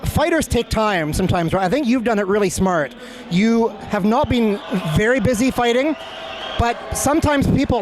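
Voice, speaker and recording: A man interviewing conversationally after a fight, friendly and complimentary, explaining things as he goes. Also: high-pitched. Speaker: sports interviewer. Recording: faint urban ambient noise behind.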